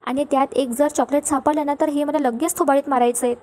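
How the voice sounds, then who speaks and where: A woman's voice: high voice, steady tone, a little fast, darkish tone, a little hiss or hum. A woman recapping a television serial episode, retelling each scene and reading the characters' lines in her own voice. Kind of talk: fast storytelling recap with quoted dialogue.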